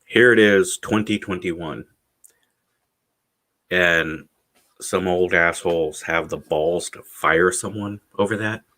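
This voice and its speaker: A man with a deep voice talks casually to a livestream on his own. His delivery is slow and meandering, with halts and repeated words, yet the tone has a hard, forceful edge. His language is blunt and sweary. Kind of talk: rambling casual solo livestream chat.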